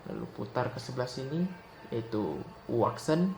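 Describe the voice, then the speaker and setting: A young man gives a casual step-by-step puzzle tutorial. He talks in a relaxed way and calls out move notation one move at a time. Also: mid-range voice, moderate pace. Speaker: Rubik's cube tutor. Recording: echoey room with audible noise.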